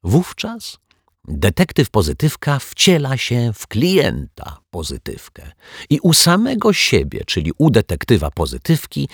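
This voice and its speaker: Deep, animated man reading a story. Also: husky, dry recording, clean studio sound.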